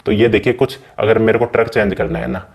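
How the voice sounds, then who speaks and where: Low-voiced man casually explaining game settings. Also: little pitch movement, fairly quick, darkish tone. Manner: chatty, repeatedly addressing viewers as brother. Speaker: gaming channel host.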